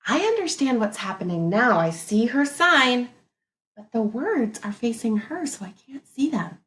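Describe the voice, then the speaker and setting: Reading a picture book to little kids, this woman teacher takes a deliberate, expressive approach and pauses to wonder out loud. Her voice sits fairly high in a roomy-sounding space.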